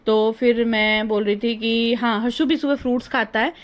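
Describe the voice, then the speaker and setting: A middle-aged woman chatting through a casual vlog voice-over, rambling and homely, her voice a little hoarse. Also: fairly high pitch, fairly even intonation, normal speed. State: slightly hoarse. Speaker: vlogger. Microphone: phone.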